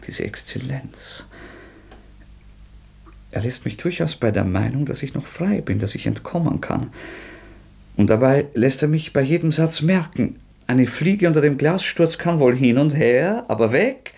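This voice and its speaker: An actor playing a tormented young murderer in a radio drama, swinging between bitter mockery, feverish outbursts and hushed whispers, with a gravelly, husky voice. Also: male voice, mid-range voice, animated, a little slow, exaggerated voice. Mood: bitter, mocking.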